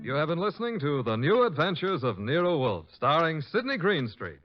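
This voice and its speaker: Animated male vintage radio announcer over music. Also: a little high, a little fast. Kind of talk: 1940s-50s radio closing announcement. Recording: dull, muffled old radio recording.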